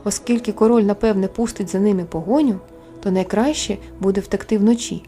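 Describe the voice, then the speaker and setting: A woman narrating a bedtime fairy tale in a gentle, expressive storytelling manner. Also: mid-range voice, brisk. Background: soft background music.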